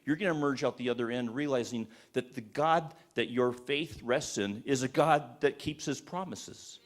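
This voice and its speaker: A man's voice: mid-range voice, moderate pace. A man giving an impassioned, sermon-style talk to a live audience, firing rhetorical questions and restarting his sentences often. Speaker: speaker at a church event.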